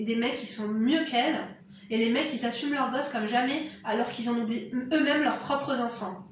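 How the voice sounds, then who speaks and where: A woman with an eastern Algerian accent speaks frankly and directly, handing out motherly advice in a casual commentary to camera. Her voice sits a little high. She is recorded in a very echoey room from some distance, with faint background noise. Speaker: YouTuber.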